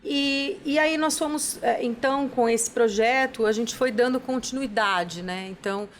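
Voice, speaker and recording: A charity's executive director, a woman with a slightly high voice, speaks at length as a guest in a TV studio interview. She explains enthusiastically at a measured pace, tagging her sentences with "né?", and the audio carries a little hiss or hum.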